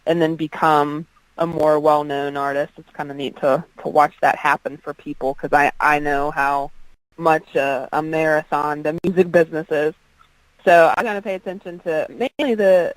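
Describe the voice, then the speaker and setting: A country singer-songwriter with a strong alto voice chats as a guest in a casual interview, her pitch fairly low. She uses frequent ums and restarts, and the recording has no room sound but poor audio quality.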